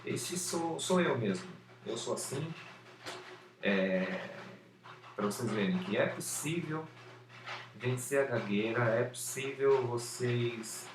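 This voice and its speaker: A man speaks slowly and deliberately to a camera, now and then repeating a syllable and leaning on fillers. His voice sits some way from the mic in a roomy indoor space. A faint hum of outside noise runs underneath. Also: medium pitch, lively intonation, far from the mic. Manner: slow, with occasional repeated syllables and many fillers. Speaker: former stutterer sharing his method. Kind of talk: unscripted talk to camera. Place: indoor room with an open window and street noise.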